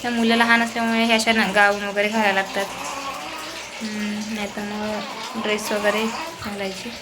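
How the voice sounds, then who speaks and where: A woman's voice: mid-range voice, level tone, moderate pace, background noise. A young woman, a mother from Maharashtra, chatting casually to viewers in a family home vlog, often cooing to her baby. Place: home, indoors.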